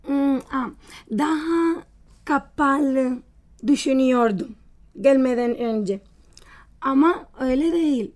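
A woman in her twenties from Spain with a Spanish accent, answering casually in an interview in broken, halting learner's Turkish, often repeating and correcting words. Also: sits high, darkish tone. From Valencia, southern Spain. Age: 20s. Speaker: interview guest, foreign student.

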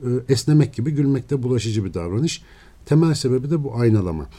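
Man explaining science in a dark voice. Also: mid-range voice, fast. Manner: steady, lecturing explanations. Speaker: neuroscientist guest. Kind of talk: explanatory radio interview.

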